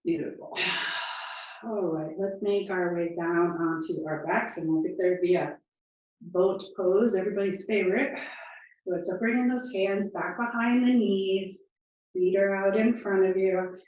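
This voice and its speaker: Slow, calm female yoga teacher, echoey. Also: medium pitch. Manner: calm, encouraging cues with breath counts. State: slightly out of breath. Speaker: yoga instructor. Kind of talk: guided yoga class instruction. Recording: distant, echoey, muffled room sound.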